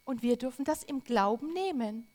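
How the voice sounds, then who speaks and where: A woman preaching a sermon, earnest and emphatic, with drawn-out repetitions. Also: on the high side, expressive, darkish tone.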